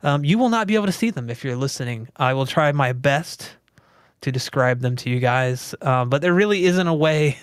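A man's voice: medium pitch, animated, a little fast, clear, resonant tone, no echo, clean studio sound. A man hosting a casual livestream podcast from a home theater room, explaining things in an easygoing way with lots of fillers. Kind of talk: casual tech chat.

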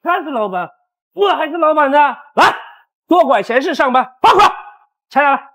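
A man's voice: extremely high pitch, lively intonation, normal speed, sharp tone, exaggerated voice. A man acting an arrogant factory supervisor in a short drama skit, taunting and jeering at staff. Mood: domineering. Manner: taunting, jeering, often laughing. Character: arrogant bullying male factory supervisor, mocking.

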